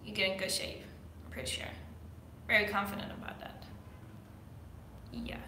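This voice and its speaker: This young Danish fitness coach has a medium-pitched, bright, forceful voice, yet her delivery is completely flat, at a moderate pace. Speaking with a Danish accent, she chats casually through viewer questions with many fillers for a Q&A vlog, recorded in an echoey room with slight background noise.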